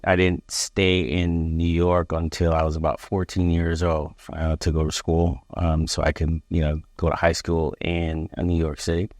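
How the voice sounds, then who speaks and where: A man in his forties from Barbados, a police chief answering interview questions in a measured, halting way with many fillers. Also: deep voice, monotone, darkish tone, no room sound, clean studio sound. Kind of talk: interview conversation.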